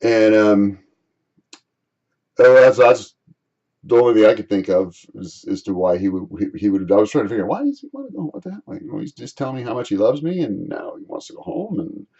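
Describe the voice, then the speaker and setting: Man, vlogger, gravelly voice, dark mellow tone, halting rambling story. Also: on the low side, animated, lo-fi sound. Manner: halting, repeats and restarts phrases.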